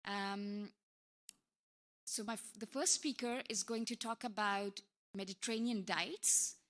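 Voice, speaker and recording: A woman's voice: mid-range voice, fairly even intonation, measured pace, a bit bright. A woman from Pakistan moderating a conference session, introducing speakers in a friendly, loose way with fillers.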